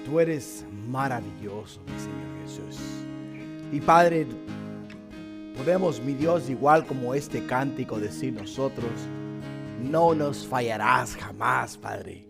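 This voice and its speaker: Croaky frog-voiced male preacher. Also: mid-range voice, expressive, music in the background. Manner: emphatic, with deliberate repetition and questions to the congregation. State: hoarse. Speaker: pastor. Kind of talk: sermon with prayer and scripture reading.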